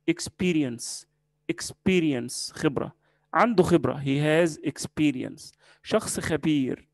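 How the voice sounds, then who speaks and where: Gravelly Egyptian man teaching English words. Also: fairly high pitch, darkish tone, dry recording. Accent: Egyptian Arabic. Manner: slow, repeating each word several times. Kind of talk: vocabulary lesson.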